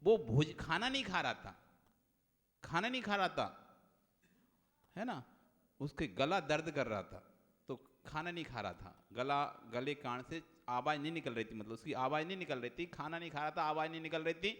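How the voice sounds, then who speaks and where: Animated male monk telling a sermon tale. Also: fairly high pitch, moderate pace. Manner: humorous storytelling, animated. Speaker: Jain monk. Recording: long hall reverb.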